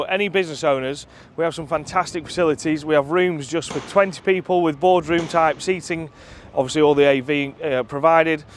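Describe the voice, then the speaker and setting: A man's voice: on the high side, slight background noise. A man giving a casual walking tour of his shooting ground to a companion filming, chatty and enthusiastic with plenty of ums, a little out of breath. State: out of breath while walking uphill. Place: outdoors at a shooting ground, then inside a clubhouse. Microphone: camera held by a companion filming.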